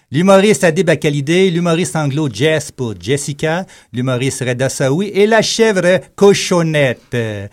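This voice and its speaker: A man with a Quebec French accent talks in a radio studio, joking and hesitant. His voice sits a little high for a man. He fills gaps with plenty of fillers. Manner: jokey, chatty, hesitant with many fillers. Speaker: radio columnist. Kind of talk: casual radio chronicle.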